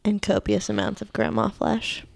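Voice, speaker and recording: Lively, gravelly woman with a teasing tone. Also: medium pitch, normal speed. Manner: playful, teasing. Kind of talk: casual banter.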